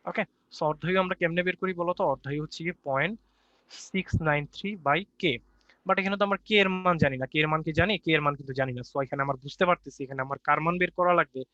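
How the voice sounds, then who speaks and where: A young Bangladeshi man, his voice a little high and very bright, walks students through a chemistry problem in a live online class. He talks in a chatty way, repeats key points, and mixes in English words. The sound is dry and close. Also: quick pace, no echo, lo-fi sound. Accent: Bangladeshi Bengali. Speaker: chemistry tutor.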